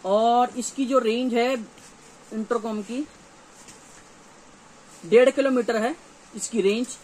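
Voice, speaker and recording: Inside a small, cluttered gear shop, a dealer in his thirties presents products to camera in an informal, repetitive showcase. His North Indian-accented voice is very high-pitched yet darkish, steady in tone, and slow. Poor audio carries faint background shop noise.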